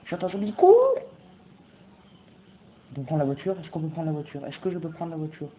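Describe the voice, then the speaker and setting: A man giving excitable, swear-filled let's-play commentary, yelling and making mock threats at the game. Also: on the high side, rapid-fire. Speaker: gamer. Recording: tinny lo-fi mic with faint hiss.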